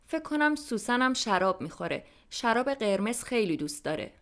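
A woman's voice: on the high side, sing-song. Woman reading a lesson dialogue. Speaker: narrator and reader of the dialogue. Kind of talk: scripted language-lesson dialogue.

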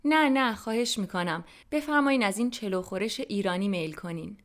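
A woman's voice: mid-range voice, expressive. A woman narrating a scripted language-lesson dialogue and voicing an insistent, hospitable hostess.

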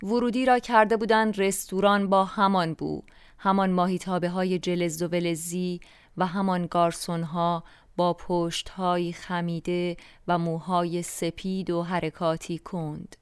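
An older woman from Iran reading her own memoir aloud in a slow, wistful and reflective way. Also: fairly low pitch, flat delivery, clear, resonant tone, no room sound. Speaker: narrator.

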